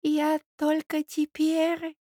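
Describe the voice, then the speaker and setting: A woman's voice: high voice, monotone, very slow, warm tone, no echo, studio quality, pitched above the performer's own voice. A woman voicing a weak, lovestruck old prince who babbles breathlessly and stammers. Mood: rapturous.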